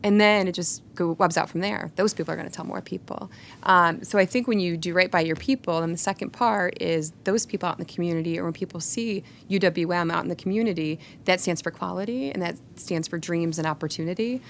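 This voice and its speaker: A woman's voice: on the low side, fairly quick, gravelly, a little hiss or hum. A woman guest on a company podcast, talking upbeat and casual and laughing often. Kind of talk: casual interview talk.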